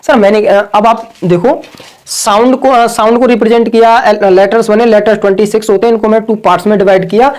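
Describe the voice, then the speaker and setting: His voice sits high with fairly even intonation and a darkish tone, and he moves briskly through an online grammar lesson. Each point gets repeated and the same lines drilled, he keeps saying "sir" and "brother," and corrected words come out over-enunciated.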